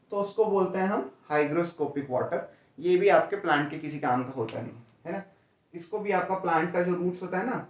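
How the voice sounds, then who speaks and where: A male teacher giving an exam-prep lecture, explaining step by step and often checking in with "है ना?" and "ठीक है?", calling students "भैया". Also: high-pitched. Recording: roomy, distant, dull lo-fi sound.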